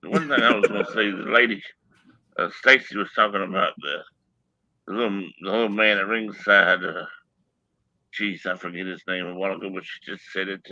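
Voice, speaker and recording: A man's voice: sits low, fairly even intonation, a little fast, pushed and bright, no echo, muffled recording. A man on a sports panel chatting casually in a folksy, plain-spoken way. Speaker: wrestling show panelist.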